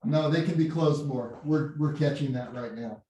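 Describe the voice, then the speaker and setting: A man hosts a meeting in a casual, halting way and often repeats a word before going on. His mellow voice booms back with a hollow echo, like a cave. He sits well back from the computer mic in a very reverberant meeting room. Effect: hollow cave-like echo, as if speaking in a hole. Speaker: meeting host. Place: meeting room with windows and blinds. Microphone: computer mic set back from the speaker. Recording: very echoey room, far from the mic.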